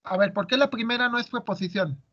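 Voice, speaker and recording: High-voiced man teaching a class. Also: quick pace, bright, forceful tone. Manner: asks students questions, explains step by step. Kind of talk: classroom lecture. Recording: muffled lo-fi audio.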